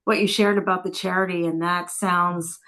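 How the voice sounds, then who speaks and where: A woman's voice: lowish voice, level tone, normal speed, a bit bright. Woman talk show host, super enthusiastic, lots of praise. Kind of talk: interview show hosting.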